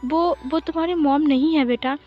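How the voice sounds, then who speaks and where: A kindly uncle gently coaxes a crying child, as a woman storyteller voices him. The voice sits high, and faint music plays behind a slightly dull recording. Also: fairly even intonation, normal speed, lightly acted. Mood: gentle coaxing. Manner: gentle, coaxing.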